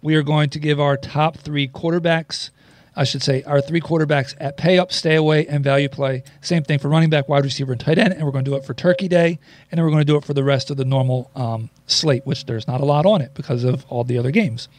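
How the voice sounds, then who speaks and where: A man's voice: fairly high pitch, fairly even intonation, quick pace, a little mellow. A man hosting a podcast, talking in a loose, chatty way with plenty of ums. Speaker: podcast host. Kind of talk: casual podcast chat.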